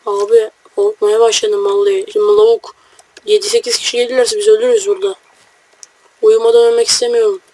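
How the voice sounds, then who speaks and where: A young man giving casual, joking let's-play commentary, brash and quick to swear at enemies while talking to his viewers. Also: sits high, level tone, a little mellow, slightly rough, dry recording. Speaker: gamer.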